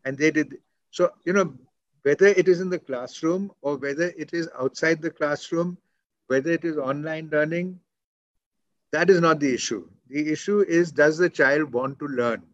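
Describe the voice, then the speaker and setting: An older man with a posh, educated Indian English accent, answering as a school educationist on a panel in measured, emphatic phrases over a muffled online call. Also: on the high side, dry recording.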